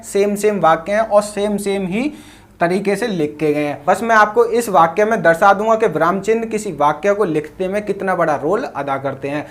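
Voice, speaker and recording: Male exam-prep teacher addressing friends. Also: high-pitched. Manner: reads examples slowly and deliberately. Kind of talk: exam-prep grammar lesson.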